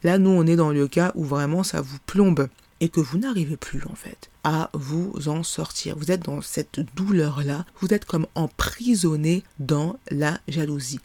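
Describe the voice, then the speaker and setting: A podcast host, talking in a lively, rhetorical way and laughing often. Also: mid-range voice, a little slow, dry recording. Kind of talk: casual commentary monologue.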